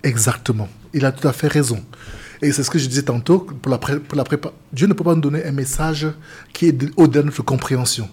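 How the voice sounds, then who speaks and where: As an interview guest, this Cameroonian pastor and seamen's chaplain talks quickly in a medium-pitched, darkish, slightly rough voice. He comes across as earnest and repetitive, frequently stumbling and starting phrases anew.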